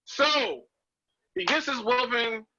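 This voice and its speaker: A man's voice: extremely high pitch, lively intonation, slow, sharp tone, highs cut off. A man telling a story in casual chat, laughing as he goes.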